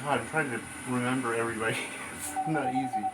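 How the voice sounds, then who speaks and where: A man with a mid-pitched voice plays a game and reads the dialogue aloud. His delivery is casual and conversational. There is clearly audible noise in the background. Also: fairly even intonation, fast. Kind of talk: casual let's play, reading dialogue aloud.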